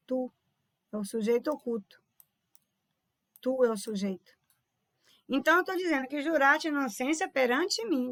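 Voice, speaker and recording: A high-pitched woman with a Brazilian accent teaches grammar in an explanatory way and keeps checking that her viewers follow. Her voice is recorded close up in a dry room with no echo. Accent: Brazilian Portuguese. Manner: explanatory, keeps checking in with "tá vendo?" and calls viewers "povo lindo". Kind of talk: online grammar lesson solving exam questions.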